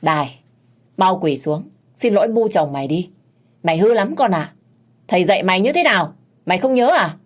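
A woman's voice: low-pitched, lively intonation, moderate pace, a little mellow, husky. A woman voicing a stern, poor old peasant father who scolds his daughter. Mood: angry scolding.

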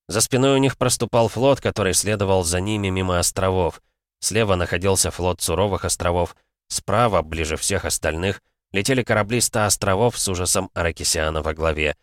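A man reads a fantasy novel aloud with dramatic storytelling flair. His voice is very low and recorded dry and close. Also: no echo. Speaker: audiobook narrator. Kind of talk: scripted fantasy narration.

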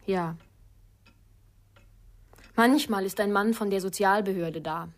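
In a radio crime drama, an actress voices a young woman who is guarded and afraid, shielding her half-brother. Her medium-pitched voice moves slowly and sounds close to everyday speech, giving short, reticent lines in a flat, wary mood.

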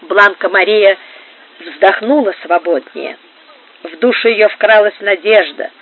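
A narrator reads a period novel in a steady, measured way. The pitch sits mid-range for the voice. The whole reading comes through a narrow, tinny band like a phone line. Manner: measured, even literary reading. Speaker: audiobook narrator. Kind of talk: audiobook reading of a historical novel.

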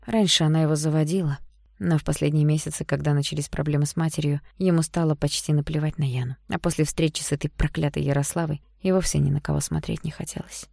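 Low, gravelly woman narrating a novel. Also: steady tone, fast, mellow, no room sound, studio quality. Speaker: audiobook narrator. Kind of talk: scripted narration.

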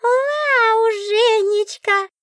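A woman voicing a bossy, indignant female talking magic book in an audiobook, with a shrill, very high voice. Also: extremely slow, fairly bright tone, no echo, studio quality, full character voice. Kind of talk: audiobook character voice.

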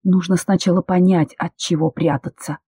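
A reader voicing a frightened, stubborn young woman medic in shrill, excited outbursts. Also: moderate pace, breathy edge, dry recording, studio quality. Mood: frantic. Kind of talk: audiobook character voice.

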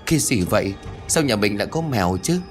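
A man's voice: fairly low pitch, expressive, fairly quick, faint music behind, close to an everyday voice. A man voicing an anxious elderly village wife who talks in a fretful, pleading way. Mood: worried.

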